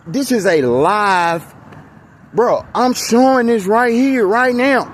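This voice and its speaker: Exasperated high-voiced American man venting outdoors. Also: animated, takes it slowly. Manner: speaks while walking. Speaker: vlogger. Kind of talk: street vlog venting, preaching-like casual talk. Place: outdoors on a street. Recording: street noise, handheld outdoor recording.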